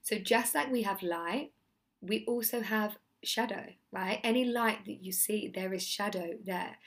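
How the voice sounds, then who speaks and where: A woman hosts a self-development podcast with a voice that is hoarse and giving out. Her pitch sits in a middle range for a woman. She talks in a chatty, earnest, effusive way, like a coach speaking straight to listeners. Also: unhurried. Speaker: podcast host and mindset coach. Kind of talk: solo podcast talk, casual and chatty.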